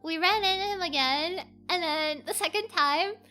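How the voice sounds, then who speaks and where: Faint background music plays as a VTuber tells a story on stream, casual and chatty. Her very high voice moves at normal speed, and she's excitable, rambling and prone to giggles.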